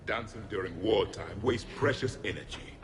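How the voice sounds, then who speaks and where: A man playing a stern, humourless ancient alien warrior in a video game, formal, severe and deadpan. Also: fairly low pitch, moderate pace, over music, close to an everyday voice. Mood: dour.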